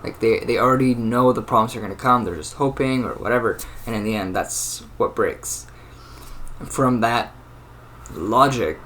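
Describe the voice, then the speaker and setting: Young man, early twenties, hosting his own channel; musing unscripted monologue, halting and reflective, average pitch. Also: a bit bright, slight background noise. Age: 20s. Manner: rambling and thoughtful, many fillers and restarts. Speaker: channel host. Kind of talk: casual solo monologue.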